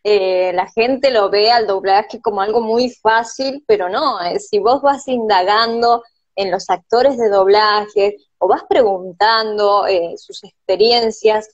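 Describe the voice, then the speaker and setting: A woman's voice: medium pitch, takes it slowly. A woman hosting an interview, chatting and answering with frequent short agreements. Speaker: host. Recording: dull lo-fi audio.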